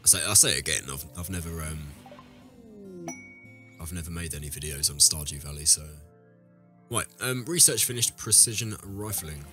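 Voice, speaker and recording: Low-voiced man, sick, rambling. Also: moderate pace, long pauses, sharp tone, faint music behind. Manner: rambling, self-correcting, talks to viewers. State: ill, deeper voice than usual. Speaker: let's play host. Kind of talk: casual gameplay commentary.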